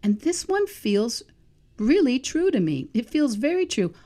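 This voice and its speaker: A New England woman in her sixties, a vegan life coach, hosts a solo reflective podcast monologue. Her high-pitched, very animated voice moves at a measured pace with a warm tone as she muses thoughtfully and questions herself.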